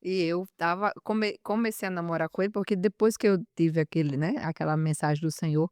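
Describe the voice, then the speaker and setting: Smooth-voiced woman. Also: fairly low pitch, a little fast, a little mellow, no echo, clean studio sound. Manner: chimes in to complete her husband's sentences. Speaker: podcast guest. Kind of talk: casual conversation.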